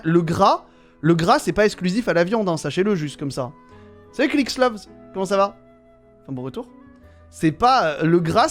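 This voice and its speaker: Man, high voice, casual live-stream banter, wry joking commentary. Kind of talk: casual live-stream chat, reading messages aloud.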